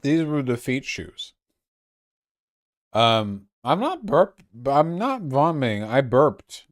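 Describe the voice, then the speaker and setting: A man's voice: medium pitch, big pitch swings, slow pace, dry recording, studio quality. A very drunk man rambling on a casual livestream, crude, losing his thread and stumbling over repeated words. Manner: crude, swearing.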